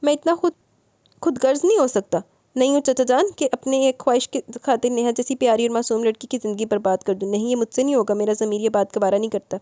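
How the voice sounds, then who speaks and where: A woman voicing a gravely ill young man who pleads in an earnest, measured way in an audio novel. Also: on the high side, steady tone, mellow, dry recording, clean studio sound, natural voice.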